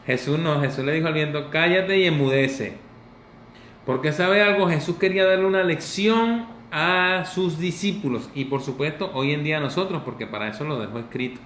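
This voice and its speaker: Animated pastor preaching. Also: male voice, a little high, fairly quick, few pauses, slight background noise. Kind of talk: sermon. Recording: echoey room with faint ambience.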